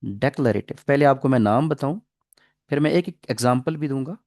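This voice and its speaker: A man teaching English grammar in a classroom lecture, explaining patiently, reading English example sentences slowly and asking the class questions. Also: medium pitch, darkish tone, no echo, clean studio sound. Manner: asks the class questions and repeats answers.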